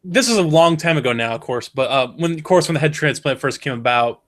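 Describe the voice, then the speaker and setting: A man's voice: fairly high pitch, lively intonation, fast talker, fairly bright tone. A man co-hosting a casual web show, talking in a loose, rambling way. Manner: rambling, trails off with fillers. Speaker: co-host. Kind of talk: casual chat.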